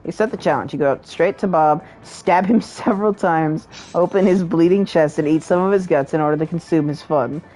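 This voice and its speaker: Quick-talking woman narrating a game, crude and joking, lowish voice. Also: warm tone, poor audio. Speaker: player reading the game aloud. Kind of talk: casual profane let's-play narration.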